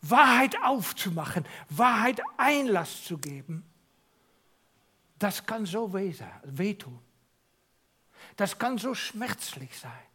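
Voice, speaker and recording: A man preaching a Christmas sermon, asking rhetorical questions and swinging from near-whispers to loud, emphatic lines. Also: high voice, big pitch swings, slow, long pauses, breathy edge.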